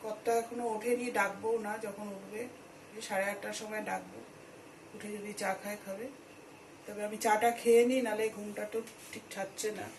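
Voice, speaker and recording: A woman chatting to her viewers while cooking at home, speaking softly at times. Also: medium pitch, little pitch movement, brisk, reverberant, slight background noise, poor audio. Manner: speaks softly so as not to wake the household. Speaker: vlogger. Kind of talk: casual home vlog narration. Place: home kitchen.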